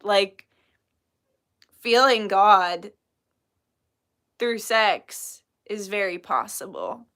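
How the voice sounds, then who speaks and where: A young woman hosts a tarot livestream, casually chatting with viewers and reading their chat messages, swearing freely and laughing a lot. Her mid-range voice is a bit bright, and she speaks very slowly with long pauses.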